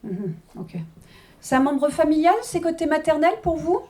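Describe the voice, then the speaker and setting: Speaking at normal speed in a high-pitched, animated, warm voice, a medium at a live reading keeps up chatty banter with her audience. She laughs frequently and peppers her talk with "hein" and "d'accord" check-ins.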